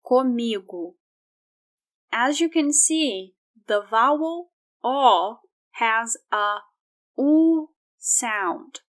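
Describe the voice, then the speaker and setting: Very slow, careful woman teacher. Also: a little high, animated. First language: Brazilian Portuguese. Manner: repeats each word slowly and deliberately. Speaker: language teacher. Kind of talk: slow pronunciation lesson.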